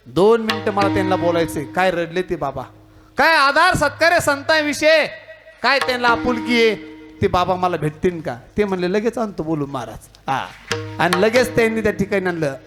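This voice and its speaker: Marathi guy preaching a kirtan, high voice, teasing the crowd with funny stories. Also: very animated, moderate pace, music in the background. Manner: storytelling with jokes and mimicry, teasing the audience. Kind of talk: humorous devotional sermon.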